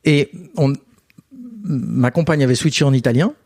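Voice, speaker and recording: A man chats as an interview guest, recounting family anecdotes with animated quoted voices. His voice sits at an ordinary middle pitch. The recording is very dry and close. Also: normal speed, no room sound. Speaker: guest, entrepreneur and father. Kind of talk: casual interview storytelling.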